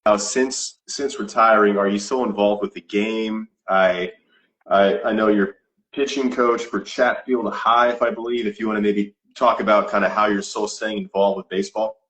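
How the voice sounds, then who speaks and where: A man hosting a sports podcast, asking questions and reacting in a relaxed, enthusiastic way. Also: on the low side, normal speed, low-quality recording. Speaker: podcast host. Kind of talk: casual interview.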